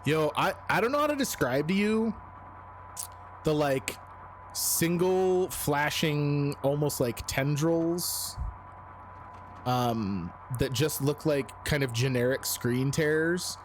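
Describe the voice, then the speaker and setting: A man's voice: fairly high pitch, lively intonation, slow, slight background noise. A man giving casual, uneasy, sweary commentary as he streams a scary video game. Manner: sweary, informal.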